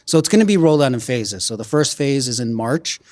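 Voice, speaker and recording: A man's voice: medium pitch, animated, fairly quick, a little mellow, no echo. A man from a restaurant group explaining plans in a conversational interview, often tagging his points with "right?". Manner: explanatory, frequent "right?" tags.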